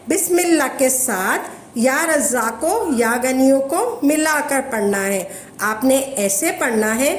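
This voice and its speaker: A woman with a high voice explains a devotional routine slowly and patiently, going over each step again and again. Her voice rings in an echoey room over a faint background ambience. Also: a little mellow, a little hiss or hum. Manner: slow, repetitive, patient. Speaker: religious instructor. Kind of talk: step-by-step instructions for a devotional practice.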